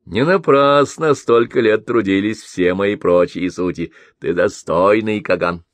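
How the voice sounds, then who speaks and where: A man's voice: fairly low pitch, measured pace, dry recording, natural voice. A man voicing a big-headed immortal male elder who speaks in a commanding, curt way. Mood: approving.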